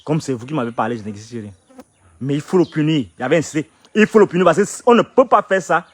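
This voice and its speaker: A middle-aged man with a Cameroonian French accent telling a story in an interview, swinging between loud indignation and quiet asides. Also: on the high side, animated, quick pace. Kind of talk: animated storytelling.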